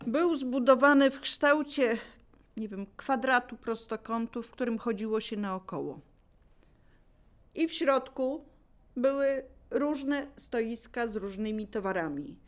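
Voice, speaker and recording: An older woman with a voice on the high side casually shares memories as a local resident. She speaks unhurriedly, searching for words and repeating herself as she explains.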